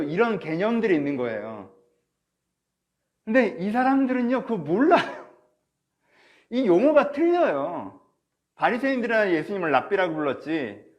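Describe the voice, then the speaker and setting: A man preaching a sermon as pastor of a church, animated, swinging from soft asides to loud cries. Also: a little high. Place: church or small studio, online service.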